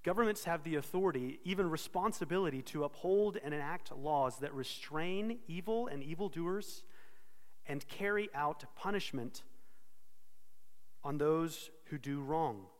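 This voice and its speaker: Pastor, male, somewhat high voice, earnest sermon delivery, reverberant hall. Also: expressive, a little slow. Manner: earnest expository preaching with self-corrections.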